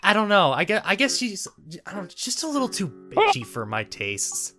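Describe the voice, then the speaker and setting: Lively bright-voiced young man. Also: high voice, normal speed, soft background music. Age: 20s. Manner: animated, giggly, acts out quotes. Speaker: podcast host. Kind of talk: casual chat.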